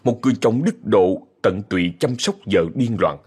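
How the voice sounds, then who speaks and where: A man with a Southern Vietnamese accent narrating a horror story in a measured, ominous way. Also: lowish voice, expressive, darkish tone, breathy edge.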